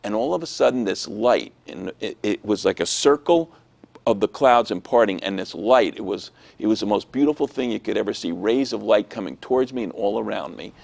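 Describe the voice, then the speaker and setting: A man telling a personal testimony in an interview, animated and acting out the voices of people he quotes. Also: lowish voice, brisk, creaky.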